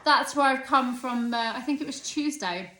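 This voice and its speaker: A woman's voice: sits high, moderate pace, fairly bright tone. A woman in her thirties chatting casually and a bit ramblingly in a vlog. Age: 30s. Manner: chatty and rambling, self-aware, determined. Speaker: vlogger. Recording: echoey room.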